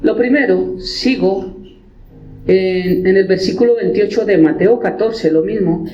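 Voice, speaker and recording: High-voiced pastor preaching. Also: male voice, measured pace. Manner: animated, acts out quoted believers. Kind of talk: sermon. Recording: echoey church with music, dull sound.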